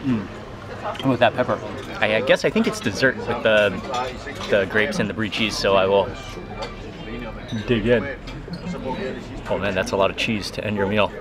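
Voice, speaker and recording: A man's voice: on the low side, moderate pace, long pauses, a crowd in the background. A man in his thirties, chatty and enthusiastic, filming a travel vlog with a camera held at arm's length outdoors and at a restaurant. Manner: enthusiastic, chatty, savoring food aloud. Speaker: travel vlogger. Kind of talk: casual food and travel vlog. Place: outdoors in a city, on a boat and at a restaurant. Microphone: handheld camera at arm's length. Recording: music playing underneath.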